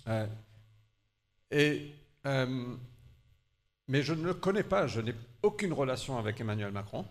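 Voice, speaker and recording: Guy preaching a sermon, earnest, kinda halting, short chunks w/ pauses, medium pitch. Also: expressive. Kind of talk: sermon delivered in short phrases for an interpreter.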